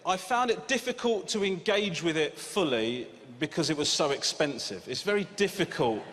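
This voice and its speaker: A man in his thirties performing a stand-up comedy set, animated and swearing freely as he acts out quoted lines. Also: a little high, moderate pace. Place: large comedy venue with a live audience. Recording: hall reverb with loud audience laughter.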